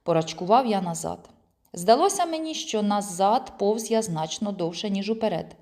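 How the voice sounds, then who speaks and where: A woman reading a children's audiobook aloud in an expressive first-person storytelling manner. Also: medium pitch, moderate pace. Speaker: audiobook reader. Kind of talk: storytelling narration.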